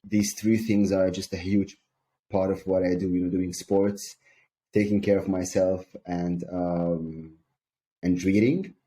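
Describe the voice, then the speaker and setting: A man from Syria, a sales coach, speaking calmly and measuredly as an interview guest, with frequent ums. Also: low-pitched, measured pace, slight background noise.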